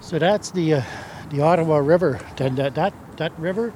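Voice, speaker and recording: An older man speaks haltingly with many restarts, his voice sitting a little high. He is recorded outdoors by a river. Loud boat and water noise runs behind him. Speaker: elder and spiritual advisor. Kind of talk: spontaneous talk on a walking tour.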